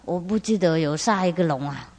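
A woman's voice: on the low side, animated, brisk, a little mellow, lightly acted. A woman voicing an ordinary male fisherman who argues plainly in his own defense. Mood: defensive. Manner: matter-of-fact, reasoning. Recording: long hall reverb.

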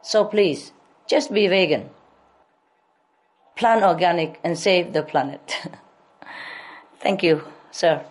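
A woman spiritual teacher answering questions at a public talk, speaking slowly with repetition and frequent laughter. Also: lowish voice, a little hiss or hum. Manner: slow, repetitive, laughs often.

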